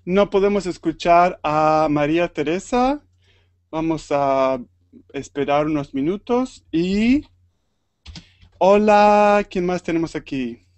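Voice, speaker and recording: Man, Argentine accent, Spanish teacher, unhurried, dry close sound, online lesson. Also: a little high, expressive, a little mellow, clear, resonant tone, no room sound. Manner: slow, patient, repeats words for learners. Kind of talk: online group language lesson.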